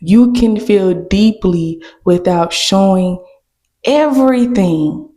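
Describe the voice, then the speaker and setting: A woman's voice: medium pitch, animated, slow pace, mellow. A woman hosting a podcast, giving an emphatic motivational monologue with repeated affirmations, addressing the listener as love and baby. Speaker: podcast host.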